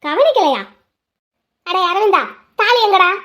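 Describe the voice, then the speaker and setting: A woman voicing a sharp-tongued, bossy mother-in-law in a cartoon, scolding as she talks. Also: very high voice, big pitch swings, unhurried, full character voice. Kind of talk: cartoon voice acting.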